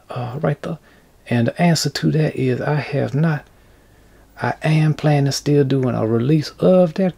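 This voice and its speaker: A man's voice: mid-range voice, vocal fry, darkish tone, slightly rough. A man hosting a casual workshop vlog, rambling in a folksy, joking way to his viewers. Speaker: craft channel host. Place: indoor workshop.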